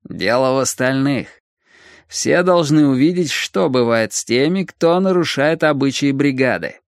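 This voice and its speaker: A man playing a hard, calculating teenage gang leader who speaks in a measured, lecturing way. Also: on the high side, lively intonation, no room sound, studio quality, pitched above the performer's own voice. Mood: grim.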